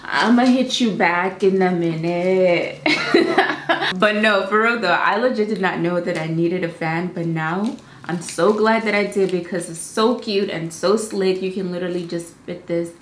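A young beauty vlogger with a voice on the low side talks products to camera in her indoor home studio, chatty and bubbly with quick asides. The audio is roomy with faint ambience and a little hiss or hum.

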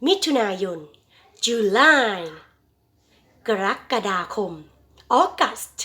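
Woman teacher, drilling English words with slow stretched repetition, calls students children. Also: a little high, lively intonation, bright, forceful tone. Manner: addresses students fondly as children. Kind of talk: bilingual classroom lesson.

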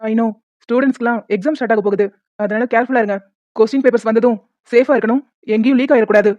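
A woman's voice: a little high, fairly even intonation, fast talker, darkish tone, dry recording, lightly acted. A woman voicing a pleading young husband. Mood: stern, curt. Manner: pleading and emotional to his wife, curt and strict at work. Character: lovestruck young husband, later a stern college head. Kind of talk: cartoon voice dubbing. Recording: thin phone-like dry sound.

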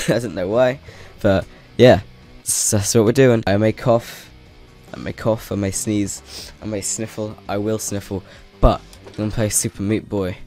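A man's voice: lowish voice, fairly even intonation, unhurried, a little mellow. A man with a stuffy, congested voice from a cold, giving rambling, hesitant casual commentary as he plays a game on his channel. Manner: rambling, hesitant, laughing often. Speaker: gaming channel host. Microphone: desk microphone set to high sensitivity. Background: game music.

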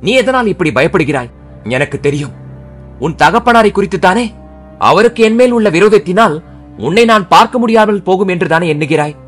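A man's voice: sits high, animated, a little fast, a bit bright, breathy edge, faint music behind, heavily acted. Man doing a resolute young nobleman. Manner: firm, earnest.

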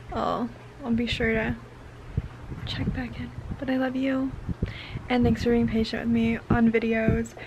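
Giggly young woman, slow and bubbly. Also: fairly high pitch, noisy background. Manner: bubbly and giggly, many "like" fillers. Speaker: travel and fitness vlogger. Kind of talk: casual vlog to camera. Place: outdoors at a lake and in the mountains.

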